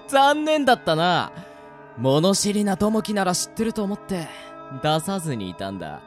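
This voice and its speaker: In a Japanese radio drama, a man plays a cocky, cruel death-game player, his speech rough, taunting and gloating. His voice is high-pitched and a bit bright, and the performance is heavily acted.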